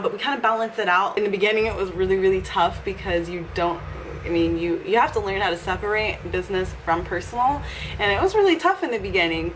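Speaking from a small office with a leather couch, a young fitness vlogger and gym owner chats upbeat in a medium-pitched, fairly bright voice, laughing frequently. The recording is rough, with some hiss or hum.

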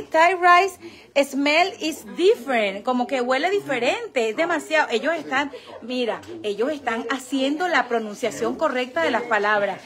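A high-pitched woman chatting to her viewers in an excitable, exclaiming way. She drops English phrases into her talk as she goes, with a busy crowd murmuring behind her. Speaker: vlogger host. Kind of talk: casual vlog talk to viewers.

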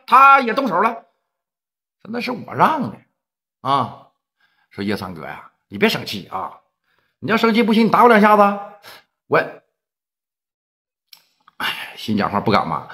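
A man doing a tough, smooth-talking gang leader. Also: high-pitched, bright, forceful tone, voice pushed up, full character voice. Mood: pleading. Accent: Northeastern Chinese. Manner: firm, persuasive.

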